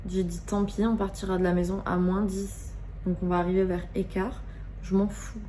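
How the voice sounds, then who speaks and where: A woman's voice: medium pitch, level tone, moderate pace, warm tone, slight background noise. A young woman vlogging at home, talking casually and candidly in slangy speech, openly irritated. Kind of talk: casual confessional vlog.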